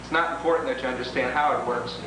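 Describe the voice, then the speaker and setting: In an indoor room with equipment, a man with a medium-pitched voice speaks fast while demonstrating a product. He walks through each step methodically in formal language, and the footage sounds like a noisy old home video in an echoey room.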